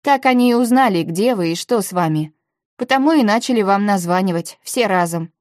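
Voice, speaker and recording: A woman's voice: lively intonation, brisk, darkish tone, no echo, studio quality, close to an everyday voice. A woman voicing a stubborn, defensive teenage girl in an audiobook, with insistent retorts. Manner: insistent, high-pitched retorts. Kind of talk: audiobook character voice.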